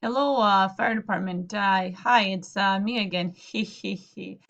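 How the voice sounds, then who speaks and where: In a storybook read-aloud, a woman plays a flustered middle-aged uncle who keeps calling for help, sounding sheepish and hesitant with plenty of "uh"s. Her medium-pitched voice is a little slow and a bit bright, with vocal fry. The lo-fi recording sounds slightly dull.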